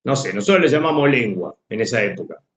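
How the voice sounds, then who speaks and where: Male teacher, Rioplatense accent, lecture delivery, animated intonation, echoey room. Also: medium pitch, quick pace. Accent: Rioplatense Spanish. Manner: explanatory, checks understanding often. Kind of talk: classroom lecture.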